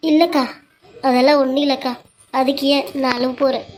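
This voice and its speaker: A woman's voice: high-pitched, little pitch movement, a little fast, natural voice. A woman playing a tearful young wife. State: crying. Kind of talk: Tamil family serial voice acting.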